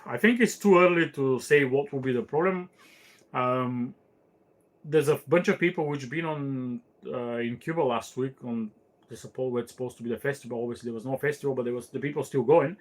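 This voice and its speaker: Answering questions from listeners, this male podcast host talks at a fairly quick clip in a mid-range voice. His casual chat is reflective and rambling, peppered with fillers and restarted sentences.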